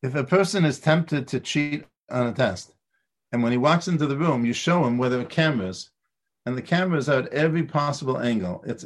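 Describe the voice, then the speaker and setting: A man teaching a Torah class, with lots of stammered restarts and rhetorical questions. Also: medium pitch. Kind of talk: lecture on Pirkei Avot.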